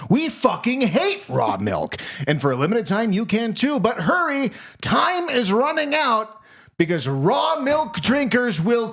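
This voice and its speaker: A man voicing an angry male spokesman in a mock sponsor ad, insulting the listener and ranting until he shouts. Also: extremely high pitch, husky, pitched above the performer's own voice, exaggerated voice.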